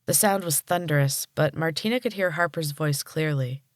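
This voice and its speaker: A woman podcast host narrating a storybook chapter in a calm, measured way. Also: sits low, dry recording.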